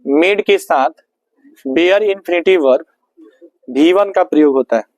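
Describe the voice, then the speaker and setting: A man's voice: fairly high pitch, measured pace, a little mellow, no echo, rough recording. A male teacher running a grammar lesson in a classroom, firing repeated questions at his students.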